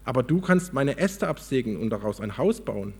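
A man with a slightly husky voice voicing a gentle, giving apple tree, speaking tenderly and apologetically. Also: medium pitch, big pitch swings, moderate pace.

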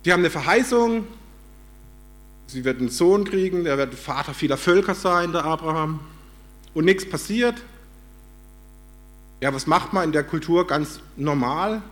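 Lively German preacher telling a story. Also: male voice, fairly high pitch, normal speed, long pauses. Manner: lively storytelling, acts out quoted voices. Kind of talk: sermon.

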